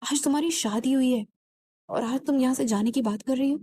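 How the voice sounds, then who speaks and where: Bossy stern young cop husband, read by a woman, commanding, warm mellow voice, storybook reading. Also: high-pitched, fairly quick, slight background noise, close to an everyday voice.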